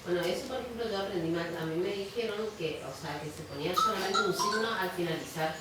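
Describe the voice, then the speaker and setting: A woman's voice: on the low side, quick pace. A woman, a student asking the teacher questions in class, hesitant and searching for words. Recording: echoey room, far mic, loud noise.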